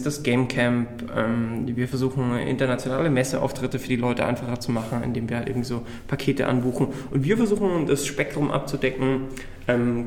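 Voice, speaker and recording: The room echo is plain around this man's voice, which sits at an average pitch. He speaks as an interview guest, explaining in a conversational way. His delivery is halting, with pauses as he searches for wording. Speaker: interview guest, games funding project manager. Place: echoey room in an office building. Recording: echoey room.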